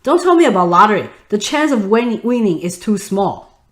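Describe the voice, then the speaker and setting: Speaking straight to her viewers, a webinar host gives instruction in a medium-pitched voice with wide swings in pitch, at normal speed in a reverberant space. She is in her thirties, from Taiwan, a native Mandarin speaker with a Taiwanese Mandarin accent.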